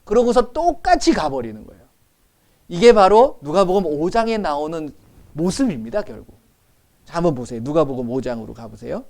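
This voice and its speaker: Male pastor, sermon delivery, higher-pitched, lively questioning of the flock, loud-soft swings. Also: fairly quick. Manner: animated, asks the congregation rhetorical questions; swings between loud emphasis and quiet asides.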